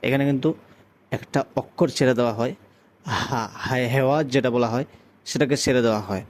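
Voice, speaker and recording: A man from Bangladesh gives a call-to-prayer pronunciation lesson at a middle pitch. He explains step by step in a measured way, then slows into long, sung demonstrations of each phrase. His voice stays plain and even between explanations and chanting. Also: slight background noise. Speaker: azan teacher.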